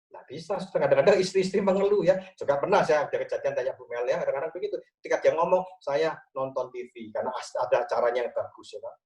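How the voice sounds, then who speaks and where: Pastor on a distant Zoom call. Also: male voice, medium pitch, fast, hardly any pauses. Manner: lively teaching tone with frequent "ya" tags. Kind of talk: church Zoom talk on marriage. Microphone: video call.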